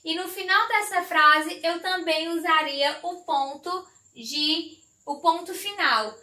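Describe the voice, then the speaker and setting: A woman teacher with a very high, bright voice gives an online grammar lesson. She speaks slowly and affectionately, explaining each point carefully and repeating herself. The recording sounds echoey, as if made in a bare room.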